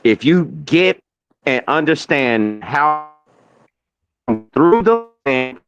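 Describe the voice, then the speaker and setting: A man speaking over a remote internet call whose audio keeps breaking up and dropping out, in a casual group discussion, halting and repeating himself. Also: fairly high pitch, sing-song, clean tone, soft background music. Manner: halting, repeats words, asks to cut in. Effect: choppy internet call audio breaking up. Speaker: panel participant. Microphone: remote call mic. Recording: dull lo-fi internet call with dropouts.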